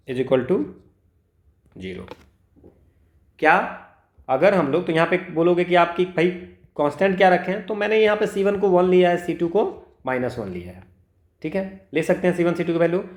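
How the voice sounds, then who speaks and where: On the high side, with long pauses at a normal speed, an Indian-accented maths teacher walks through an informal exam-prep lesson step by step. He asks himself questions, code-switches between two languages and uses frequent check-words, and the recording echoes as if in a large room.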